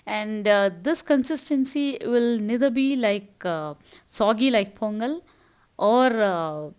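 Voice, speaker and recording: A woman's voice: a little high, takes it slowly, a little mellow, clear, resonant tone. A middle-aged woman from South India with a Tamil accent, casually narrating her cooking and chores step by step as a home vlogger. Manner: explanatory, step-by-step.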